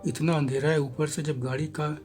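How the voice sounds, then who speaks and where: A man reading an audio story, voicing a nervous young woman who pleads in hushed tones. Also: fairly high pitch, fairly even intonation, normal speed, soft background music, close to an everyday voice. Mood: anxious. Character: anxious young woman eloping at night.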